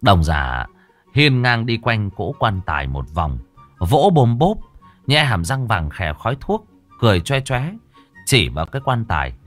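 A man narrating a comic folk tale in a lively, colloquial way. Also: on the low side, a little slow, soft background music. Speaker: storyteller.

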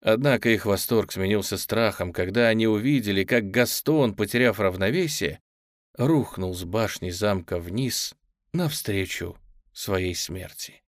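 Выразительный мужской голос чтеца аудиокниги, неторопливо разворачивающий сказочный сюжет. Звук близкий, сухой, студийный. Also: male voice, on the low side, a little slow, no echo. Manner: выразительное, театральное повествование. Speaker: чтец аудиокниги. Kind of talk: художественное чтение сказки.

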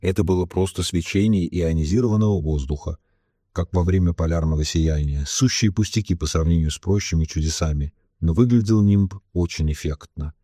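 Narrating a novel for an audiobook, a man with a deep, warm, slightly rough voice reads from a script. All the characters' lines come in his own voice with little variation, and he slows for solemn quotations. The sound is dry and studio quality.

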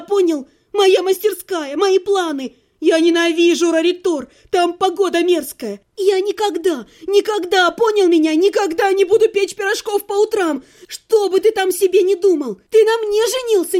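A woman reader voicing a fiery young heroine who yells shrilly at her ex-husband. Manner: shrill, explosive yelling and sharp retorts. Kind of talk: audiobook character voice.

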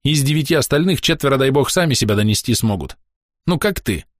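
A man voicing a grumpy, sharp-tongued woman healer who scolds and snaps in a raised voice. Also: medium pitch, animated, fast talker, dry recording, studio quality, voice pushed up, close to an everyday voice. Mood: grumbling.

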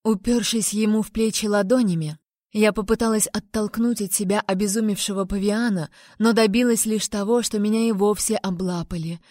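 Female audiobook reader, first-person romance, mid-pitched, expressive, dry studio sound. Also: moderate pace, no room sound. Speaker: audiobook narrator.

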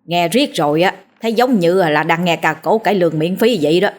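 A woman's voice: on the low side, brisk, natural voice. A woman voicing a boisterous, teasing drunken old village man. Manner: joking, protesting.

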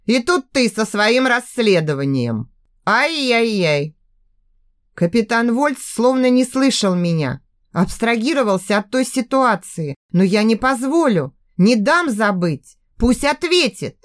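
A woman's voice: a little high, sing-song, measured pace, no room sound, clean studio sound. A woman reading a first-person audiobook with a tense, emotional delivery. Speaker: audiobook narrator.

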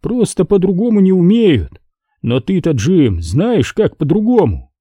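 A man's voice: high-pitched, very animated, measured pace, warm tone, husky, no echo, clean studio sound, voice pushed up, exaggerated voice. A man voicing an eerie, friendly dead brother who talks in a coaxing, lazily smiling way.

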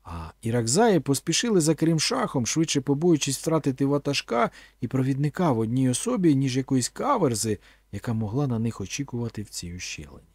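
Husky, expressive male audiobook narrator. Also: mid-range voice, fairly quick, few pauses, no room sound. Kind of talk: scripted narration.

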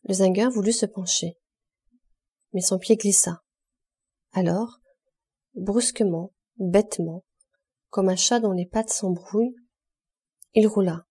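A woman narrating a classic novel as an audiobook reader, measured and expressive in short phrases. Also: mid-range voice, breathy edge. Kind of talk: scripted literary narration.

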